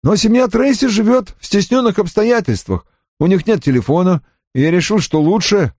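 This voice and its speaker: High eager young assistant guy rattling on all formal and wordy, a man doing the voice, dry close sound. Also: expressive, normal speed, darkish tone, no room sound. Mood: earnest. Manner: long-winded, over-formal reporting. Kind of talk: audiobook character voice.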